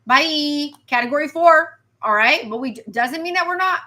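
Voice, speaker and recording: A woman meteorologist giving a live weather stream, animated and chatty, repeating herself and reacting to viewer comments. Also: high-pitched, moderate pace.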